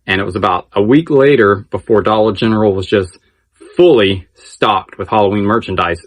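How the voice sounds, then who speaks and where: A man hosting a casual update video, chatty and enthusiastic, repeating phrases for emphasis. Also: medium pitch. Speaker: video channel host. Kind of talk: casual news-update commentary.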